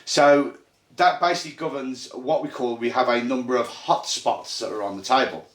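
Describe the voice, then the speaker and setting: The game's host, an Irishman with a Birmingham accent, talks through a tabletop setup at an indoor gaming table in a medium-pitched voice. His casual rules explanation is chatty and self-deprecating, broken up by pauses and ums, and the phone recording sounds echoey.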